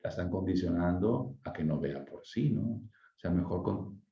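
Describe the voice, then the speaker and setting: A man with a deep, gravelly voice talks conversationally, asking rhetorical questions as he explains. His tone is dark and mellow. The sound is dull and lo-fi, with noticeable room echo. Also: lively intonation, moderate pace. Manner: reflective, asks rhetorical questions, frequent tag questions. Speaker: speaker on emotional wellbeing.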